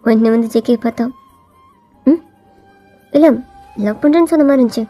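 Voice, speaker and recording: A woman's voice: fairly high pitch, normal speed, mellow, soft background music, voice pushed down, close to an everyday voice. A woman voicing a cold, arrogant young male CEO who talks in a taunting, domineering way. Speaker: voiceover artist.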